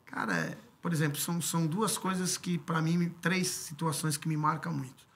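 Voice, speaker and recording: A man in his fifties from Brazil, a former footballer and coach, telling stories in a relaxed way as a podcast guest on a studio mic. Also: fairly high pitch, moderate pace. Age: 50s. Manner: relaxed storytelling with many tag questions. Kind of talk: casual interview. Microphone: studio mic on stand.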